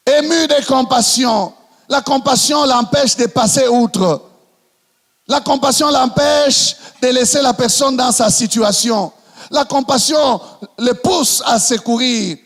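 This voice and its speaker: A man preaching a sermon as pastor, swinging between impassioned shouting and hushed passages. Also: very high voice, slow, long reverb tail.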